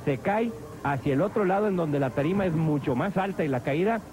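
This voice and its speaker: High-pitched Mexican man, wrestling commentator. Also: expressive, fairly quick, a little mellow. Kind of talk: live play-by-play wrestling commentary.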